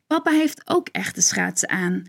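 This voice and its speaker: A woman narrating a children's story in a gentle, clear storytelling manner. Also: medium pitch, very animated, a little slow.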